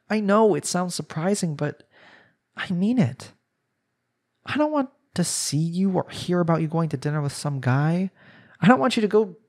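A voice actor with a slightly high, slightly mellow voice plays a jealous, lovestruck young husband in an intimate romantic audio roleplay, a one-sided dialogue. He pleads with his spouse earnestly, sighing as he speaks.

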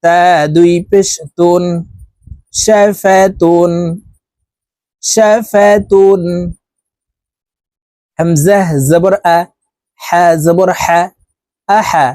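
A male Quran reading teacher leads a pronunciation drill, drawing out every letter and syllable at a very slow pace. His voice is dark and mellow, recorded close up in a dry, quiet space. Short explanations come quicker between the drawn-out recitations. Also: high-pitched, level tone, dry recording.

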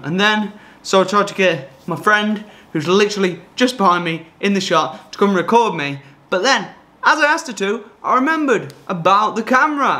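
A chatty, upbeat young fitness vlogger talks to camera while cooking in a small home kitchen for a casual how-to video. His high-pitched voice sounds pushed and bright. Picked up by a camera mic across the room, the audio is echoey with clear background noise.

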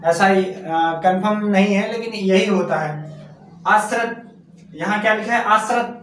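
A man's voice: high-pitched, measured pace, a bit bright. A man teaching an exam-prep spelling lesson, repeating words and coaxing his class with questions. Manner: repetitive, coaxing, keeps asking the class questions and calling them friend. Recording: echoey room from far off, faint noise.

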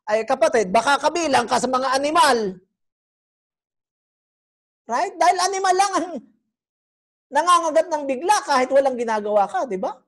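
A woman's voice: high-pitched, normal speed, long pauses. Woman preaching with playful questions. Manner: animated, teasing, keeps quizzing the congregation. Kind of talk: sermon teaching.

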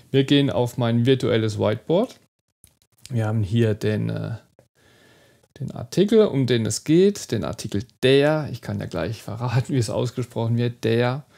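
A man gives an online German lesson, working through pronunciation step by step. He talks slowly and demonstrates each sound with care. His voice carries a noticeable gravelly fry. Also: medium pitch, dark tone. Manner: slow, careful demonstration of sounds. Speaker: German teacher.

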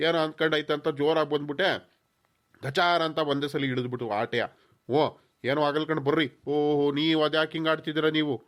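Guy doing a cocky young village dude on a bike, fast talker. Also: on the high side, fairly even intonation, fairly bright tone, lightly acted. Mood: reassuring. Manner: breezy, reassuring.

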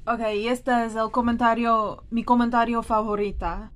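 Her delivery is flat and her pace normal, though her voice sits a little high. The American vlogger from New Jersey, a woman in her thirties who speaks English natively, talks casually and expressively to camera from a small room.

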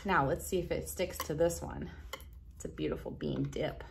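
Low-pitched and creaky, her voice swings hugely in pitch at a normal speed, with background noise present. A woman in her thirties, she reads a science book and demonstrates for kids, talking directly and encouragingly to young viewers. The small wood-panelled room by a window is captured by a device camera at about arm's length.

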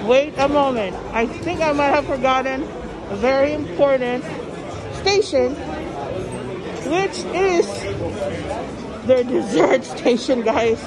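A woman with a high voice vlogs inside a large, busy buffet restaurant, talking slowly and animatedly with frequent pauses. Her casual commentary as she tours the buffet is chatty and enthusiastic, and she often repeats phrases. She films on a handheld phone camera, and diners' chatter and background music fill the crowded room.

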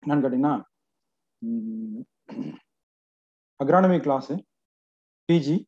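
A middle-aged man with a Tamil accent gives an informal career talk to students. He speaks very rapidly in a soft-edged, mellow tone, posing questions and answering them himself. The sound is dull and lo-fi, as on a video call. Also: mid-range voice, animated. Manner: self-questioning storytelling, switches between English and Tamil. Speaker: guest speaker, retail industry manager.

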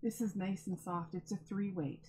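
A crafting channel host unboxes donated yarn in her vlog, gushing and chatting emotionally while close to tears. Her voice is medium-pitched with fairly even intonation, normal speed, a dark tone and a breathy edge, and the recording is low quality.

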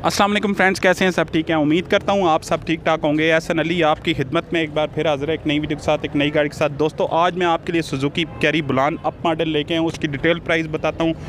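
A man's voice: fairly high pitch, little pitch movement, quick pace, few pauses, a bit bright. A man, hosting a car sales vlog at an outdoor used car market and talking into a hand-held lapel mic in upbeat, repetitive salesman patter. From Pakistan. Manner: upbeat, repetitive salesman patter, urging viewers to check every part. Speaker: car vlogger. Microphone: lapel mic held in hand, selfie camera. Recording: outdoor traffic and crowd noise.

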